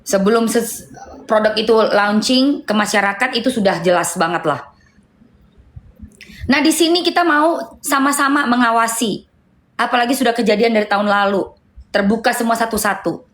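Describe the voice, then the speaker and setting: A woman's voice: on the high side, moderate pace, long pauses. Fiery Indonesian woman streaming live. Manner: heated and scolding, then soft and chatty. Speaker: livestream host. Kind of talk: livestream chat reading comments.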